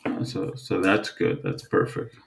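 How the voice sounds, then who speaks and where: A man from the Dominican Republic co-hosting a podcast, talking in a relaxed, halting way with many fillers and restarts. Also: low voice, creaky, slight background noise. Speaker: podcast co-host. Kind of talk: casual chat.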